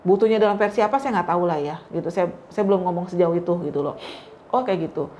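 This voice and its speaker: A woman, a talk show guest telling her story in an emotional, animated way and acting out the quotes. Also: on the low side, fast, slight background noise. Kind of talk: casual interview storytelling.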